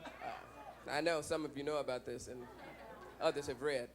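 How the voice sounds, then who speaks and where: A man's voice: medium pitch, fairly even intonation, moderate pace, a crowd in the background. A man performing stand-up comedy in a conversational, observational way, talking directly to a live audience. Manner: conversational, observational, acts out quoted lines. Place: comedy club stage. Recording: noisy live club recording with audience. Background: audience noise and laughter.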